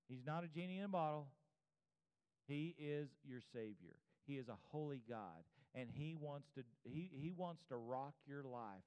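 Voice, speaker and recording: A 52-year-old man preaches an evangelical church sermon with an altar call, earnestly addressing his congregation at a service in repeated, exhorting phrases. His voice is on the high side, smooth, with a darkish tone. The recording sounds muffled and reverberant, as in a large room.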